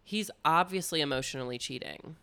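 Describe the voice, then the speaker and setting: A man's voice: fairly high pitch, a little fast, gravelly, bright, forceful tone, clean tone. A young adult man bantering casually in a teasing, sassy drag-queen manner, full of slangy commentary.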